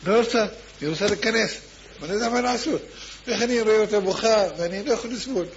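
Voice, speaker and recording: A man's voice: high-pitched, a little hiss or hum, pitched above the performer's own voice. A man voicing a loyal male doorkeeper who complains in exasperation, in a slightly muffled recording. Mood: exasperated.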